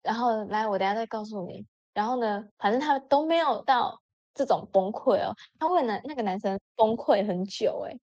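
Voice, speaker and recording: A woman telling a story in a casual chat with lots of expression, jumping up in pitch when she voices her friends. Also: a little fast. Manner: animated, acts out friends' lines with sudden pitch jumps. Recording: dull lo-fi audio.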